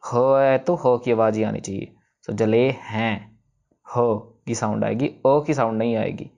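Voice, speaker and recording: A man teaching the pronunciation of a prayer text, patiently explaining and demonstrating words slowly syllable by syllable. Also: lowish voice, steady tone, gravelly, a little mellow. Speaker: recitation teacher.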